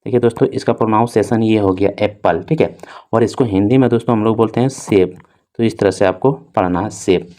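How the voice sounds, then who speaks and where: A young man with a warm, fairly low voice teaches English reading. He spells words slowly, stretching out each letter, and keeps saying "theek hai" and "dosto."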